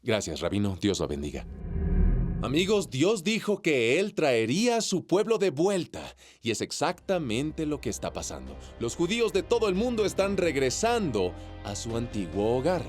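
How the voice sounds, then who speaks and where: A man's voice: on the high side, wildly swooping pitch, moderate pace, faint music behind. A man hosting a television show, introducing guests and segments with enthusiastic presenting. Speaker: host.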